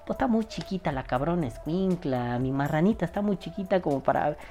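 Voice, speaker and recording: A man's voice: fairly high pitch, lively intonation, fairly quick, warm tone, soft background music. A man with a Mexican accent hosting a podcast, with crude, joking, slang-filled banter and a voice kept down. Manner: keeping his voice down. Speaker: podcast host. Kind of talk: casual podcast chat.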